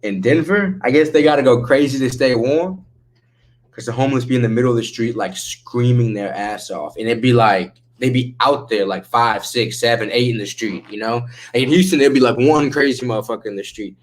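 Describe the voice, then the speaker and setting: A man's voice: mid-range voice, brisk. A man hosting a casual chat with a laid-back stoner drawl, using slang and swearing freely. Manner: slangy, profane. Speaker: livestream host chatting with viewers.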